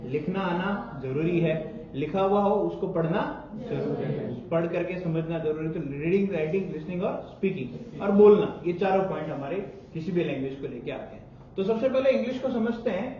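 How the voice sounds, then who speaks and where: A man with a fairly high voice teaches a live classroom lesson and keeps asking the class to answer back. He sounds distant and boomy in a very echoey room, the audio a little muffled, with the students audible around him. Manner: questioning, prompting students to repeat. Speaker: spoken English teacher.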